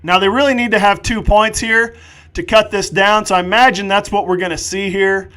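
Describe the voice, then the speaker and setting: A man doing live play-by-play football commentary, excitable and jokey with rambling asides. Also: high-pitched, normal speed.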